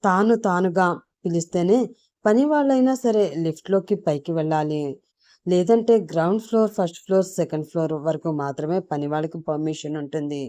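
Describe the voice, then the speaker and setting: A woman narrating a scripted audio story in a calm, even storytelling manner. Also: on the low side, no echo, studio quality.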